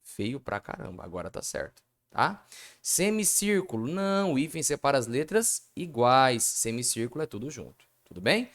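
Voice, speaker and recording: A man's voice: mid-range voice, very animated, normal speed, a bit bright. A man with a Brazilian Portuguese accent teaching a video lesson that goes through exam questions. He chats with the viewers and keeps asking himself questions, then answering them. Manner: chatty, addresses viewers as "gente".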